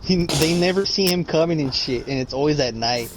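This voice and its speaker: A man's voice: on the high side, a little fast, a loud crowd, poor audio. A young man chiming in casually and laughing as a friend helps build the story. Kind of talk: casual chat.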